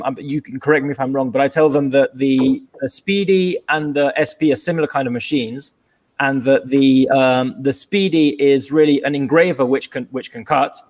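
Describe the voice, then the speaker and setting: Laid-back man with a London accent. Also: mid-range voice. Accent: British, London. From England. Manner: relaxed, hesitant with many ums, wry humor. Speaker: guest, furniture maker. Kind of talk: casual video-call interview. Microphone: video call.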